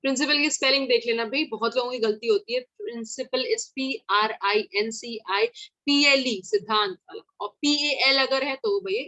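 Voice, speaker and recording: A woman leads a relaxed exam-prep lesson in a fairly high voice. She chats informally, drops in English terms and spells words out letter by letter. The sound is dry and close, with almost no room echo. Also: normal speed, muffled recording. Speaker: teacher. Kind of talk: online exam-prep lecture.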